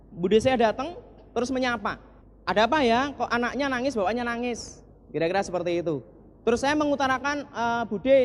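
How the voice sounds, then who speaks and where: Forties man from East Java, earnest motivational storyteller, long hall reverb. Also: very high voice. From East Java, Indonesia. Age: 40s. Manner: earnest, often turns to the audience with short asides. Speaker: motivational speaker. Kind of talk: personal story told to an audience.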